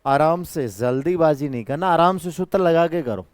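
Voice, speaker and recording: Male math tutor, smooth resonant voice, dry close sound, coaxing call-and-response teaching, exam-prep lesson. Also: a little high, expressive, moderate pace, no echo. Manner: coaxing, repeats prompts for students to answer; calls students by pet names and himself their brother.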